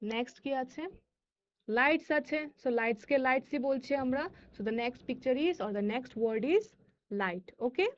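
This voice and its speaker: A woman English teacher with a Bengali accent and Bengali as her first language, teaching children, reading words slowly and deliberately with quicker asides. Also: high-pitched, animated, highs cut off. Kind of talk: classroom lesson for children.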